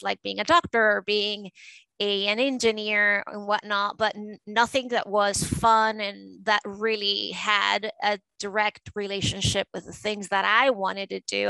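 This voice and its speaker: A Venezuelan art advisor in her forties speaks as a podcast guest in a conversational interview, fluent and emphatic with frequent fillers. Her mid-range voice has vocal fry and a bright, forceful, clean tone; the recording is dry and low-quality.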